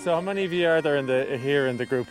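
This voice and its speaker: A man's voice: on the high side, quick pace, faint music behind. A male radio reporter doing on-the-spot interviews outdoors by a river, asking teasing, jokey questions.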